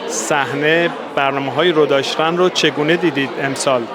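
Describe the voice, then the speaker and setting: A man's voice: on the high side, steady tone. A man with an Iranian Persian accent interviewing guests on location in a formal, courteous way. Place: public festival. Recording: crowd chatter at public event.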